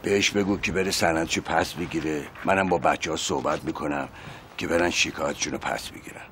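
A man's voice: a bass voice, fairly even intonation, a bit bright, a little hiss or hum. An actor playing Aziz, a chummy, theatrical middle-aged man in a TV comedy series who scolds a friend for betrayal.

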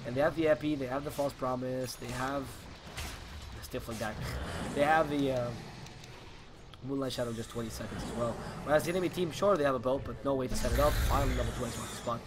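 A man with a raspy, hoarse voice, commentating a live online game match as its caster. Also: medium pitch, noisy background. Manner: builds to fast excited shouting during fights. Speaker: esports caster.

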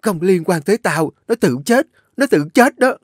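A man voicing a hysterical, scheming young wife in a shrill, shrieking voice. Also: big pitch swings, moderate pace, a bit bright, no room sound, clean studio sound, full character voice.

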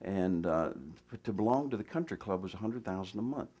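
A man's voice: low-pitched, animated, brisk, warm tone. A male pastor giving a folksy, conversational sermon in a church, full of restarts and asides. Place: church sanctuary.

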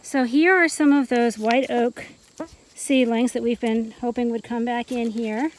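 A woman's voice: fairly high pitch, fairly even intonation, unhurried, a little hiss or hum. Woman forester showing seedlings outdoors. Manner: informal, pointing out plants, asking questions. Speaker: extension forester, host. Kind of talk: outdoor field explanation.

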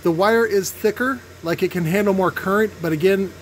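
A male host at a cluttered bench in an indoor workshop demonstrates speaker tests, offering casual, unscripted technical commentary. His slightly high voice is halting and opinionated as he thinks aloud, with background hum and faint noise in the recording.

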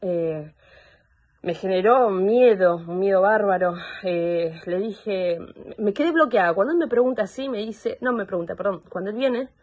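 A young woman with an Argentine accent gives personal testimony over a video call, halting and searching for words. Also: mid-range voice, a little mellow. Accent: Argentine Spanish. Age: young adult. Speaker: complainant in a psychological assessment.

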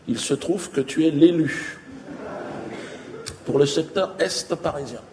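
A man voicing a bossy, impatient male alien visitor, speaking low, hushed, slow and flat. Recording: live stage recording with audience noise.

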